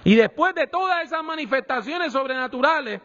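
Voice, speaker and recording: A man preaching a sermon with slow, emphatic delivery and repeated refrains. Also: extremely high pitch, lively intonation, sharp tone. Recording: echoey hall, dull lo-fi sound.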